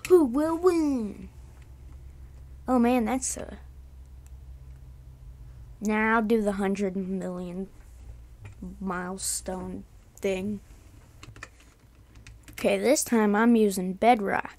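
Sleepy, slow-talking woman gamer. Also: mid-range voice. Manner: sleepy monotone. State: just woken up. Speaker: gaming YouTuber. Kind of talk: casual gameplay commentary.

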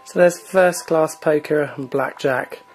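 Poor audio and faint background music accompany a man whose voice is a little high and pace a little slow. He's a gaming-channel host, casually and chattily touring a console's online store with plenty of fillers.

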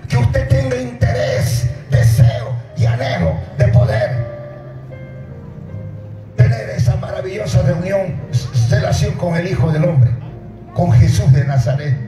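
A middle-aged man preaching at night on an outdoor stage, speaking into a handheld mic, calling out to the congregation and shouting at the peaks. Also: high voice, sing-song, unhurried, music in the background. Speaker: pastor. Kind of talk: open-air sermon. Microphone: handheld mic through PA, filmed from far. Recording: echoey PA sound from far off.

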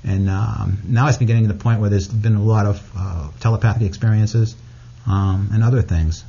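A man's voice: on the low side, fairly even intonation, moderate pace, creaky, mellow, husky, dull audio. A man being interviewed as an author, speaking frankly and bluntly, cursing freely. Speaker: guest author. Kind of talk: candid interview talk.

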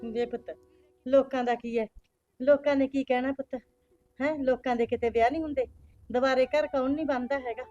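A woman's voice: high-pitched, fairly even intonation, fairly quick, darkish tone, no echo, highs cut off, soft background music, close to an everyday voice. A woman acting as an older village mother, coaxing her son and calling him "son" at every turn. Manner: coaxing, repeating "son" often. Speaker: actor in a short film.

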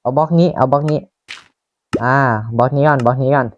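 A man's voice: mid-range voice, steady tone, muffled recording, a little hiss or hum. A Thai man casually commenting on his own Minecraft building, chatting to himself as he works. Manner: slow, chatty, talking to himself while building. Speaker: Minecraft YouTuber.

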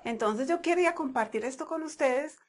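A woman's voice: sits high, normal speed, a little hiss or hum. A woman from Medellín with a paisa Colombian accent, explaining a language topic in a conversational way and sometimes repeating words as she thinks. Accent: Colombian Spanish, Medellín (paisa). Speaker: language teacher. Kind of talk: talking to camera, explaining. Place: United States.

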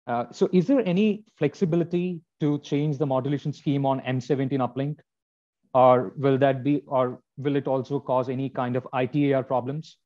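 A man's voice: mid-range voice, steady tone, normal speed, mellow. A man asking technical questions on a video call, hesitant and full of fillers, politely agreeing. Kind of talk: casual technical discussion. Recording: dull lo-fi call audio.

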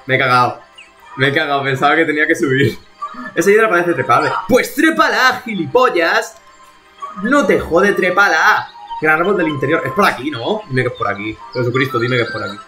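A man's voice: a little high, fast, sharp tone, faint music behind. A man from streaming a video game live, talking to himself in exasperated bursts and swearing as he plays. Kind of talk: live gameplay commentary.

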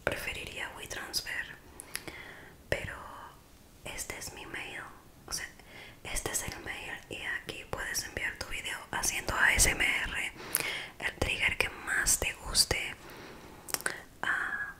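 Young female ASMR creator, unhurried soft whisper, crisp and bright, intimate delivery right on the mic. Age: young adult. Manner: hushed, intimate, close to the mic. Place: small bedroom, indoors. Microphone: close desk microphone.

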